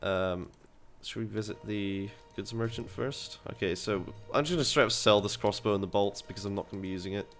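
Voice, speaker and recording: A man's voice: fairly low pitch, fairly quick, hardly any pauses, a bit bright, faint music behind. A young man giving casual, chatty commentary while playing a game, thinking aloud and swearing casually. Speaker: gaming video host.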